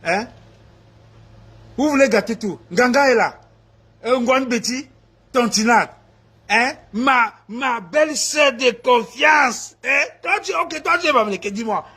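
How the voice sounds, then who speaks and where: Guy doing a live video for supporters, laughs a lot, mixes in pidgin english, raspy high voice. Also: lively intonation, a little slow, sharp tone. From Cameroon. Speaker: activist addressing supporters. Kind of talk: casual live video address.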